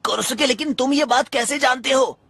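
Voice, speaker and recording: Boastful bully boy, high and bright, pushy delivery. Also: brisk, a little hiss or hum. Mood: brash. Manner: brash, loud. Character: tough, boastful boy nicknamed Buta Gorilla. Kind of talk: Hindi cartoon dub.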